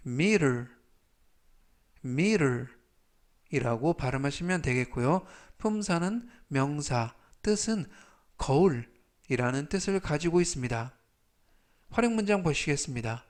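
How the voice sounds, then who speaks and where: A man teaching English vocabulary, speaking slowly and deliberately and repeating each word three times. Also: fairly high pitch. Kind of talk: vocabulary lesson.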